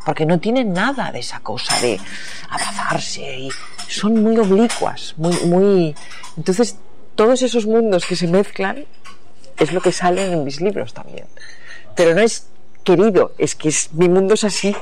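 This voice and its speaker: A woman's voice: lowish voice, animated, a little slow, darkish tone. American-born woman novelist musing thoughtfully. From United States. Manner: thoughtful, searching, trails off and restarts mid-thought. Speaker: novelist being interviewed. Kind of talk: reflective interview talk.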